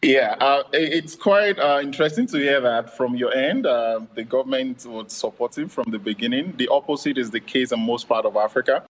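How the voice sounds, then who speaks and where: Panel guest: man, middle pitch, methodical, lots of "uh" fillers. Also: brisk, few pauses, low-quality recording. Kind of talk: panel answer.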